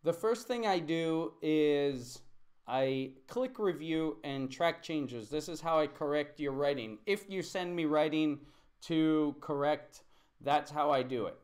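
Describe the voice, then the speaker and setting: A man's voice: a little high, slow pace, darkish tone. A man teaching English on a live stream, chatty and thinking aloud as he corrects a student's writing at his computer. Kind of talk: live-streamed online lesson.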